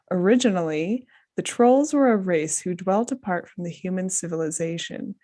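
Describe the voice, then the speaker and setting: A woman's voice: fairly low pitch, mellow. A woman co-hosting a casual group podcast, reading a passage aloud with joking asides. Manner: laughs often, reads with asides. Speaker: podcast co-host.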